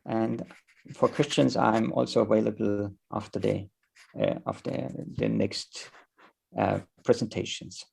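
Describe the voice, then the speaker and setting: Gravelly German-accented man presenting. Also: on the low side, steady tone, darkish tone. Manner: halting, searching for words. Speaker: conference speaker. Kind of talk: conference presentation.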